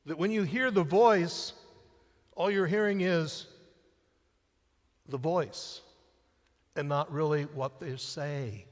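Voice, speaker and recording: A middle-aged male senior pastor preaching a conversational sermon in a church sanctuary, picked up by the church sound system, his voice rising and then falling to a hush for emphasis. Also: on the high side, slow pace, pauses often. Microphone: church sound system mic. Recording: live-stream with long church reverb.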